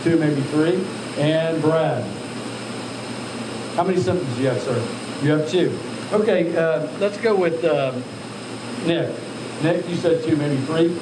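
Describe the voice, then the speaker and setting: A man's voice: on the high side, measured pace, pauses often. A man giving live hands-on instruction to trainees, directing them and quizzing them as he checks on them. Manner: directive, questioning, addresses trainees as sir. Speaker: altitude chamber instructor. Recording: echoey, distant mic, loud machinery hum.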